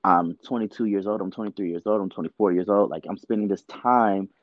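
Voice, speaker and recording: A man's voice: on the low side, steady tone, fairly quick, no room sound, dull audio. A man from the US South, a podcast guest talking candidly in a chatty, filler-heavy way. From Georgia, US South. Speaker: podcast guest, actor and producer. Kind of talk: casual interview talk.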